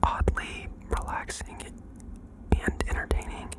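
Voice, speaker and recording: An ASMR host whispering as if sharing a secret, reading out listeners' confessions and adding playful asides in a gentle way. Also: slow pace, rough recording.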